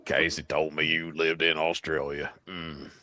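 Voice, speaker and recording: A man's voice: rumbling low, level tone, measured pace, crowd noise. A man with a Southern US accent co-hosting a casual livestream, self-deprecating and joking. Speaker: podcast co-host.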